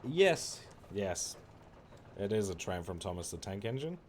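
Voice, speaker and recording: A man's voice: on the low side, big pitch swings, measured pace, a little hiss or hum. A young American man streaming a game, bantering casually with chat, laughing often and swearing. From United States. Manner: laid-back banter, laughs often, swears, mimics accents.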